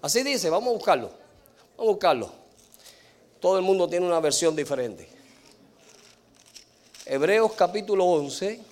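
A man with a notably high voice preaches a sermon. He keeps putting questions to his listeners and answering them himself, dropping in English fillers and drawing out the words he wants to land. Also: sing-song, darkish tone. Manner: asks the congregation rhetorical questions and answers them; slows and stresses key words.

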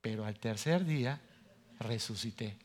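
Animated man preaching his testimony. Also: on the low side, a little slow, heavy background noise. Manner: animated storytelling, asks the congregation; jokes and laughs at himself. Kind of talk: testimony sermon.

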